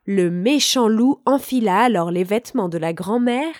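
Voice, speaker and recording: A woman reading a fairy tale aloud in a calm, clear, evenly paced storybook style. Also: medium pitch, moderate pace, slight background noise.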